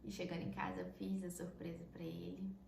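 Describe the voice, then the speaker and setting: A woman's voice: fairly low pitch, flat delivery, fairly quick, gravelly, darkish tone. Earnest young woman telling her story in an echoey room. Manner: earnest, heartfelt, many tag questions. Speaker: vlogger. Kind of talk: personal storytelling to camera. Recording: echoey room, faint noise.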